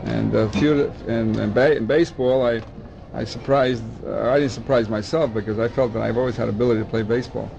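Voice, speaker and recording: Older man with a gravelly voice. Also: mid-range voice, fairly even intonation, brisk, dull audio, background noise. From Dominican Republic. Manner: rambling, repeats words and restarts often. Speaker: baseball scout. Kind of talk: oral history interview.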